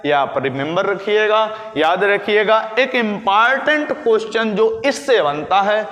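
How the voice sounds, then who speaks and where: Guy teaching bio in a high voice, asks then answers himself, big echoey room. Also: animated, fairly bright tone, lo-fi sound. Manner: explains slowly, asks and answers his own questions. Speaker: biology teacher. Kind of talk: classroom-style lecture. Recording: echoey room with long reverb.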